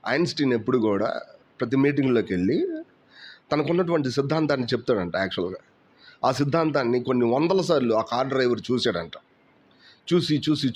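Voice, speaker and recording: A man preaching a sermon with fervent, rhetorical questions, dropping English words into his speech. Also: mid-range voice.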